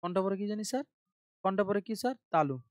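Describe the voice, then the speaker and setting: Leading an online admission-prep grammar lesson, a man drills terms and letters one by one, quizzing his audience and then answering his own questions. His high voice is animated and quick-paced, captured in clean studio sound without echo.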